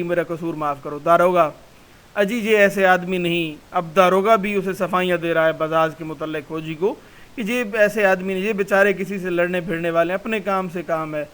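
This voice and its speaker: High-voiced man giving an Urdu lecture. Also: a bit bright, rough recording. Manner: reads a passage aloud, then explains it word by word. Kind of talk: recorded class lecture.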